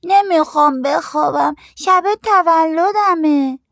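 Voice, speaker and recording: A woman voicing a stubborn little girl on her birthday, in a high, slow, shrill child's voice. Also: a bit bright, dry recording, studio quality. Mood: whiny.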